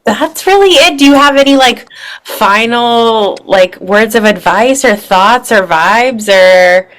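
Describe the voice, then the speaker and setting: A woman's voice: fairly high pitch, expressive, slow pace, a bit bright. A woman hosting a casual podcast interview, chatty and encouraging, with lots of fillers. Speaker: podcast host.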